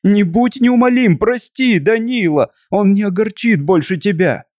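A man's voice: animated, moderate pace, a little mellow, no room sound, studio quality. A man voicing a desperate young Cossack wife, pleading in a raised, impassioned voice. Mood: begging. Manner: impassioned, pleading, high-pitched.

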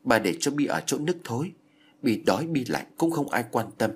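A man's voice: mid-range voice, animated, normal speed, slightly rough. A man voicing a small, clingy, vengeful ghost girl who pleads and sobs, in a storybook reading. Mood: pleading. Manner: sobbing, pleading childlike talk.

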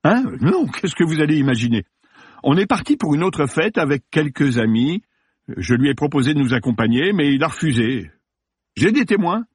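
A man voicing a vain male film star who blusters and then pleads in a shrill, strained voice, in an audiobook. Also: very animated, normal speed, breathy edge, no echo, studio quality. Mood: flustered. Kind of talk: audiobook character voice.

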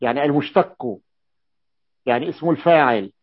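Briskly and in a higher voice, a man leads a classical grammar lesson in which he repeats the key terms and checks his students' understanding with questions. It's captured in a dull, dry, lo-fi recording.

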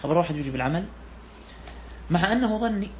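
Speaking fast in a high-sitting, expressive voice, a sheikh lectures on Islamic jurisprudence, going through a classical text while repeating important phrases and quizzing the class. Slight background noise is present, and the high frequencies are cut off.

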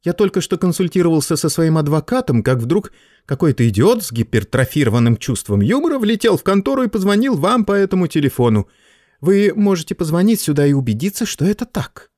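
A man voicing a cunning, high-strung male schoolteacher who exclaims loudly in a raised voice. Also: big pitch swings, a little fast, no room sound, clean studio sound. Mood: commanding.

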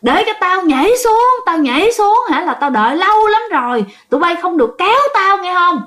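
A woman voicing a vengeful ghost of a drowned boy who possesses a man, shouting insistent demands in a raised voice. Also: very high voice, lively intonation, brisk, pitched above the performer's own voice. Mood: frantic, demanding.

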